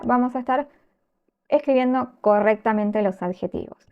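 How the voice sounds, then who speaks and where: A woman teaching an online grammar lesson, patient and methodical, pausing often to check her students follow and slowing down to pronounce example words. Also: fairly high pitch, highs cut off. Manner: patient, explains step by step with frequent check-in questions. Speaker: Italian language teacher.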